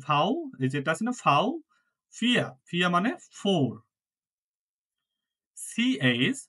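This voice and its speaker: A man whose first language is Bengali teaches a classroom language lesson in a bright, clear, slightly high voice. Patient throughout, he repeats words slowly and drills pronunciation. He also mixes English words into his explanations.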